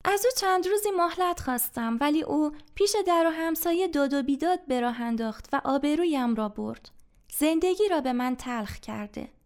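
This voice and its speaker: A woman's voice: sits high, expressive. A woman voicing a poor, ashamed grown man in debt, speaking humbly and hesitantly in a storybook reading.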